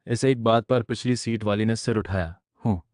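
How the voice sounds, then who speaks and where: A man tells a story recap in the first person, keeping a steady and even delivery. His voice sits on the low side. The close voice-over mic gives a dry sound with no room to it. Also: moderate pace, no echo. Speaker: recap narrator.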